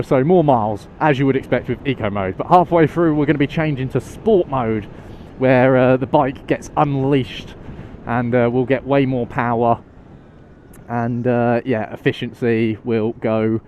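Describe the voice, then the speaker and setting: A man giving chatty, excitable commentary while riding a motorcycle, through a helmet-mounted mic. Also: mid-range voice, highs cut off. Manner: chatty, excitable, many restarts and laughs. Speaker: motorcycle vlogger. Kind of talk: casual moto-vlog commentary while riding. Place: outdoors on a motorcycle in traffic. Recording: faint road and traffic noise.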